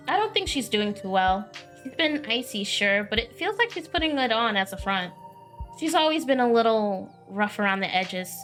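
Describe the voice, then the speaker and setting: A woman's voice: mid-range voice, fairly bright tone. A woman voicing a friendly, chatty small-town young woman with a folksy, theatrical manner.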